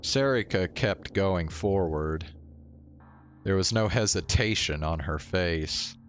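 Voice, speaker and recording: Male streamer reading game narration; low, unhurried, faint hiss behind. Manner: slow, even reading of narration. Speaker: streamer reading a visual novel aloud.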